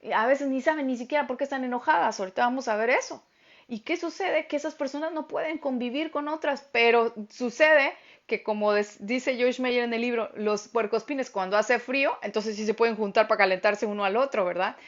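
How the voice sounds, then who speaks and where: Loud, emphatic woman teaching the Bible. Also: fairly high pitch, fairly quick, lo-fi sound. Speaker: women's group Bible teacher. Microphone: phone.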